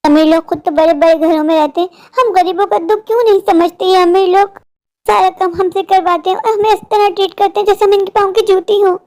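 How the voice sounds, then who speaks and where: A woman's voice: very high voice, fairly even intonation, brisk, a little mellow. A woman voicing a poor young woman in a cartoon, a worried older sister who pleads in a worn-down, sorrowful way. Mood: pleading. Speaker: cartoon character. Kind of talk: Hindi cartoon voice acting.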